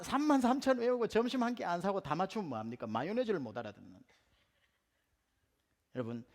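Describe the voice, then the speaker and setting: A male pastor from Gyeongsang province delivering a humorous, story-filled sermon in a church. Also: fairly high pitch. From Gyeongsang province, Korea. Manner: animated storytelling with humor, acts out quotes. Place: church sanctuary. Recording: reverberant church hall.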